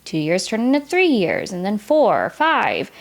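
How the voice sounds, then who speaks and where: Her voice is mid-range and creaky, with pitch that swoops wildly, and she takes her time. This American woman in her early thirties, whose native language is Vietnamese, shares personal stories frankly and thoughtfully as a podcast guest, peppering her casual talk with "like."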